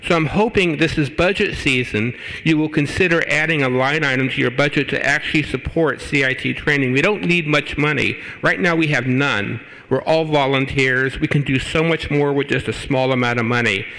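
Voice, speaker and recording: Earnest man with a bright voice. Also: mid-range voice, moderate pace, hardly any pauses. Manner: earnest, persuasive. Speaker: public commenter, volunteer advocate. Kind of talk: public comment at a city board meeting. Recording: long hall reverb.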